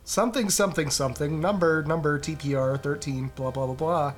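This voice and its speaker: A man's voice: fairly high pitch, a little fast. A man hosting a casual podcast, reading a post aloud with sarcastic asides and frequent laughter.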